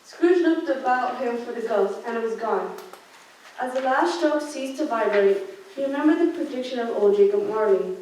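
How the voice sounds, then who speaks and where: A teenage girl reads scripted narration for a student radio play, stumbling now and then. Her voice is fairly high with a darkish tone, picked up by a distant microphone in a very echoey room, with a little hiss or hum.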